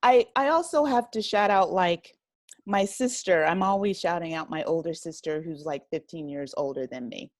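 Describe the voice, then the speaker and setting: In her fifties and hailing from New Jersey in the United States, this American woman is a writer and director appearing as an interview guest. Her voice sits fairly low and moves at a normal speed, recorded at studio quality with no echo. She reflects on her life in a conversational, reminiscing way.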